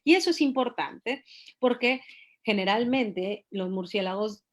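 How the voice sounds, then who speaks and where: A woman's voice: a little high, lively intonation, measured pace. Mexican woman lecturing with tag questions. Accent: Mexican Spanish. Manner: explanatory, many fillers and tag questions. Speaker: bat researcher giving a talk. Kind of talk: academic lecture on bat acoustics.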